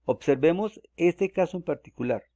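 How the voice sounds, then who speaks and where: A man from Colombia, calmly walking through cost calculations step by step in a screen-recorded tutorial. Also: fairly high pitch, normal speed, dry recording. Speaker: solar energy explainer.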